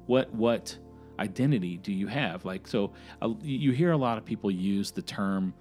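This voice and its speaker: Southern guy co-hosting a bible chat, kinda low voice, talks loose, repeats himself a lot when he restarts. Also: normal speed, a little mellow, soft background music. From American South. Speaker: podcast co-host. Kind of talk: casual Bible discussion.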